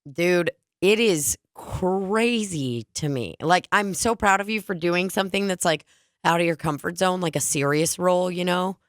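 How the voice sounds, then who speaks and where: A podcast co-host with a rough, strained, lowish voice, joking crudely and saying "like" all the time. The close mic gives a dry sound with no room. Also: female voice, moderate pace, dry recording. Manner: crude jokey banter, frequent laughs and fillers like "like". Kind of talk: casual comedic chat.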